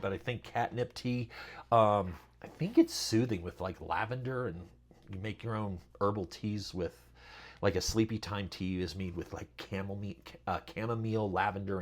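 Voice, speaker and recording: A man's voice: fairly low pitch, normal speed. A middle-aged man hosting a casual how-to talk, rambling with lots of fillers and chatty asides. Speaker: channel host.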